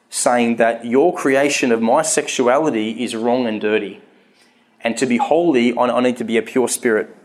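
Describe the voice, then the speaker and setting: Speaking to a live audience about his faith, a thirty-something man is candid and earnest, though his stutter makes him frequently restart words. His voice is mid-range.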